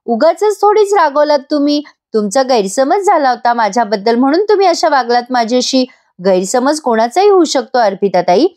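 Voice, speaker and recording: A woman voicing a gentle, loving young bride in a voice-over episode recap, speaking softly and affectionately. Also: high-pitched, big pitch swings, a little fast. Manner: soft, affectionate, pleading. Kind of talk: voice-over recap reading a character's lines.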